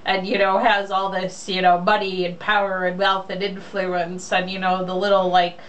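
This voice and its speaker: This co-host, a woman, reads from a romance novel and chats casually, mocking it bluntly and sarcastically and swearing freely. Her pitch is medium, her tone level, her speed normal. Faint background noise and a distant mic mark the recording.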